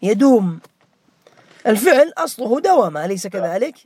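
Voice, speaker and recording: High-voiced teacher quizzing his students. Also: sing-song, moderate pace, mellow, slightly rough, no room sound. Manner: questioning, drills students by name, repeats key words. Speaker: Arabic morphology teacher. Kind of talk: interactive grammar lesson.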